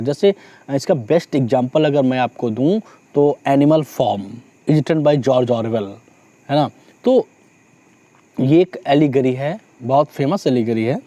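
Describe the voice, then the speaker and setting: Mellow-voiced man teaching vocabulary. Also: medium pitch, no room sound. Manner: explains slowly, repeats each meaning, reads English definitions slowly; often adds the tag "है ना". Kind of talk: vocabulary lesson.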